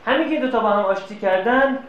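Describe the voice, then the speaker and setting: A man's voice: sits high, highs cut off. A man giving a classroom lecture, telling anecdotes and acting out quoted dialogue. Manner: lively storyteller, plays out quoted dialogue. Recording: echoey room, faint noise.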